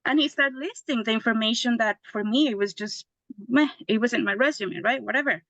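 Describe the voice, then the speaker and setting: A woman's voice: a little high, fairly quick, fairly bright tone, no room sound, muffled recording. A woman, a lawyer telling her story in a casual interview, chatty with many restarts and tag questions. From Mexico. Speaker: guest lawyer.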